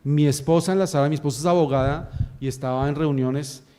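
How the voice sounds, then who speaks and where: High-voiced preacher spinning a story. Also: male voice, fairly quick, clear, resonant tone. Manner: animated storytelling, acts out scenes. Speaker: pastor. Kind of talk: sermon.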